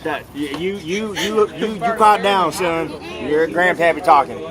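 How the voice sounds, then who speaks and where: A man's voice: on the high side, measured pace, close to an everyday voice. A man playing a boastful, rambling old grandpa inventor who keeps calling everyone son and whippersnapper, in an improvised comic bit. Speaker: performer of a comic sketch. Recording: noisy crowd chatter outdoors.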